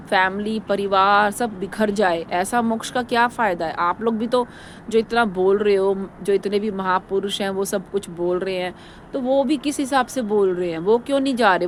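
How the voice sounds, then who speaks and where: A woman talking straight to her viewers in a casual vlog, rambling and repeating her points in a preachy way. Her voice sits at an ordinary middle pitch. A faint hum from traffic runs behind her. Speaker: vlogger.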